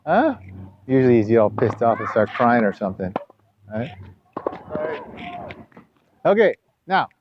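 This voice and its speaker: Male coach, mid-pitched, rambling instructive talk, muffled lo-fi recording. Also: animated, unhurried, pauses often, background noise. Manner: rambling, repeats himself with many restarts; rises loud and high when scolding. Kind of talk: sports coaching session. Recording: dull lo-fi camera audio.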